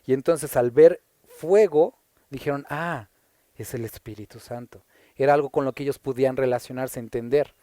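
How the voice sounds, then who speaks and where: A man's voice: medium pitch, moderate pace, warm tone, no room sound. A man from Mexico with a Puebla accent, a pastor teaching the Bible verse by verse in a conversational style, stopping to ask rhetorical questions. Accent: Puebla Mexican Spanish.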